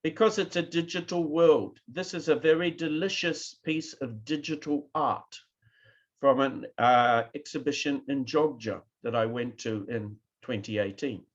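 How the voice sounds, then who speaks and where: In a muffled recording, a man with a New Zealand accent delivers a keynote to an online conference audience, periodically asking for their reactions. His voice is mid-range and his pace a little slow.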